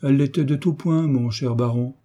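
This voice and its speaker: A man voicing a sly, ironic hunchbacked marquis in an audiobook, teasing with drawn-out courtesy. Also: mid-range voice, warm tone, voice pushed up, natural voice. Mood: mocking. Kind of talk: audiobook character reading.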